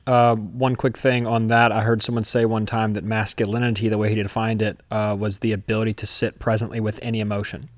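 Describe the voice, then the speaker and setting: A man hosting a podcast, telling a personal story in a candid, profane way that swings into loud outbursts. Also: on the low side, flat delivery, fairly quick, hardly any pauses, no room sound. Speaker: podcast host.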